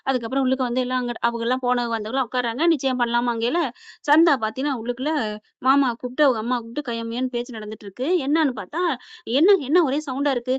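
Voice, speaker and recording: A woman's voice: a little high, steady tone, very fast, clean tone, no room sound. A woman retelling a serial episode in a chatty, dramatic way. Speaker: serial recap narrator. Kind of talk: casual storytelling recap. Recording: dull lo-fi recording.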